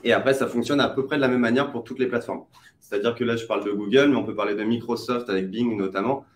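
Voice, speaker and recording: A man's voice: medium pitch, fast. A man, an advertising expert, explaining online advertising in a webinar, hesitant with many fillers and restarts. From France.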